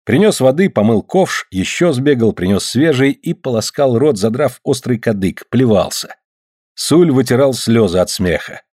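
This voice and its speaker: Husky-voiced male storyteller. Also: medium pitch, moderate pace, no echo, studio quality. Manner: expressive storytelling. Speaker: narrator. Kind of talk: audiobook story narration.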